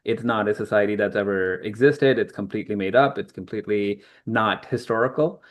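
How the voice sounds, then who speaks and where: A middle-aged Pakistani man, an author being interviewed, gives conversational answers in a fairly low, slightly quick voice. He explains things thoughtfully, often saying "um" and restarting his sentences.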